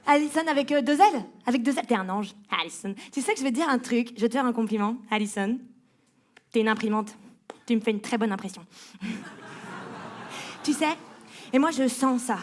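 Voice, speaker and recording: A woman's voice: fairly high pitch, fairly quick, pauses often. A female comedian doing stand-up on a festival stage, teasing a spectator and playfully mangling words.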